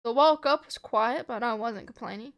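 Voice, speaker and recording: A woman's voice: on the high side, moderate pace. A woman streamer reading her own fanfic aloud on a livestream, with casual asides.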